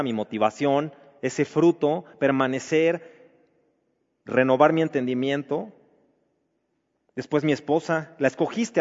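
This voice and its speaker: A man preaching a sermon to married men, asking rhetorical questions in a conversational way. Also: on the high side. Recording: dull reverberant hall recording.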